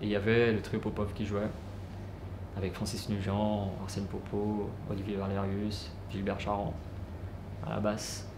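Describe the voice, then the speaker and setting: A man telling his life story casually, unhurried, with many fillers and restarts. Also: fairly low pitch, completely flat delivery. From French Guiana. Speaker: musician. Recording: roomy with clear background noise.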